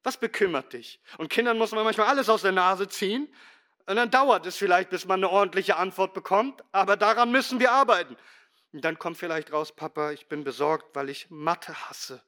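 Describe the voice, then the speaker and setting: A middle-aged man preaching a sermon as pastor, emphatic, swinging between loud stressed lines and quiet low asides. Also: brisk.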